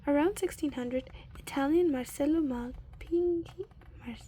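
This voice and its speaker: Gently and breathily, a woman reads aloud from a book for ASMR, often slipping into whispers and murmuring asides at an unhurried pace. Her voice is high, and there's a little hiss or hum.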